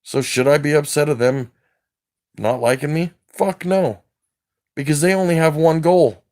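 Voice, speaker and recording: A man's voice: fairly high pitch, fairly even intonation, normal speed, a little mellow. A man on a livestream rant, agitated and wired, rambling from thought to thought and swearing a lot. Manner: swears heavily.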